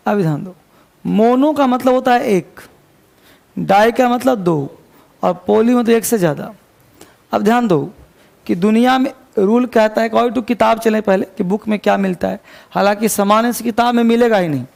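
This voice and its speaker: Male grammar teacher, high gravelly voice, dictates definitions slowly, quizzes the class. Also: a little mellow. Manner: asks students rhetorical check questions. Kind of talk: classroom lecture.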